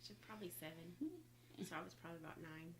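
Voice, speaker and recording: Low-voiced woman recalling family times. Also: fairly even intonation, very noisy. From Oklahoma. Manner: halting, fillers, reluctant then earnest. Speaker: guest sister. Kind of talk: casual family storytelling.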